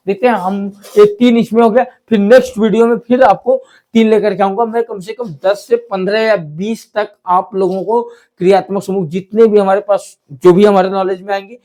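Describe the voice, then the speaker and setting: A man's voice: high-pitched, steady tone, brisk, mellow. A man teaching a chemistry lesson, repeating key terms and asking and answering his own questions. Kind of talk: classroom lesson explanation.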